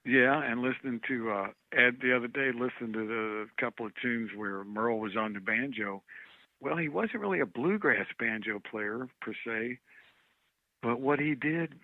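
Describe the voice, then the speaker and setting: A man talks over a thin, tinny phone line that sounds close and dry. He tells rambling, animated stories and keeps circling back to names he can't recall. His voice sits at an ordinary middle pitch. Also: moderate pace, no room sound. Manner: rambling, animated storyteller, loses track of names. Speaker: guest musician on a call. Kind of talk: casual phone chat.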